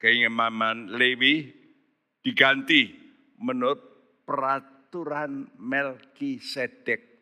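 A man preaching a sermon as pastor, emphatic and rising to loud exhortation. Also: mid-range voice, fairly even intonation, slow pace. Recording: long hall reverb.

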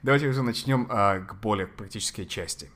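A man giving conversational psychological advice as a podcast guest, sometimes halting to search for Russian words. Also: fairly low pitch, a bit bright.

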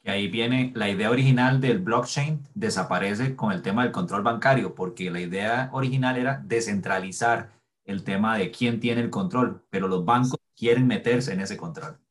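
A man's voice: fairly low pitch, normal speed. A man with a Costa Rican accent, talking casually as the host of a podcast interview. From Costa Rica.

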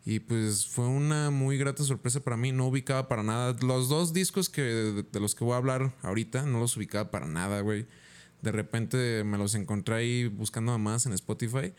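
A man's voice: medium pitch, brisk, darkish tone, clean tone. A young man with a Mexican accent, co-hosting a music podcast in laid-back chat full of slang. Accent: Mexican Spanish. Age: young adult. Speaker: podcast co-host. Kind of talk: casual chat.

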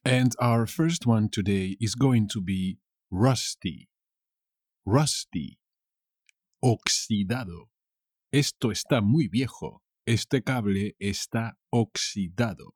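A man's voice: on the low side, a little mellow, dry recording, clean studio sound. A young man teaching vocabulary in a playful, joking way, stretching out key words. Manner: playful, jokey, slow and drawn-out on key words. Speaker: Spanish teacher. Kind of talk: bilingual vocabulary lesson.

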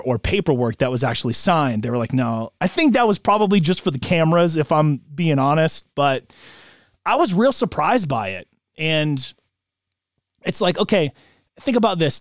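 A man's voice: fairly high pitch, no echo, clean studio sound. A man chatting casually about sports as a podcast co-host, with slangy bro talk.

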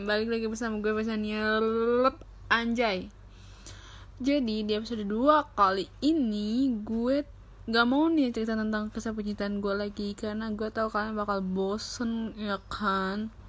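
A young woman hosts a casual, slangy podcast in a mid-range voice, keeping a steady tone and a moderate pace. A speech impediment slurs her r sounds.

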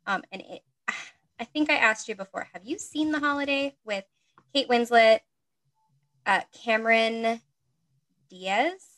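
A woman's voice: a little high, unhurried, long pauses, fairly bright tone. A woman co-hosting a podcast, chatting casually with fillers and then reading a story aloud. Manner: chatty, filler-heavy, laughs at herself. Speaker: podcast co-host and reader.

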